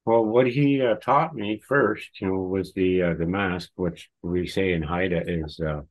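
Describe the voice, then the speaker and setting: A man telling a story as a radio guest, in a casual and halting way. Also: low-pitched, poor audio. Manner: halting, hesitant phrasing.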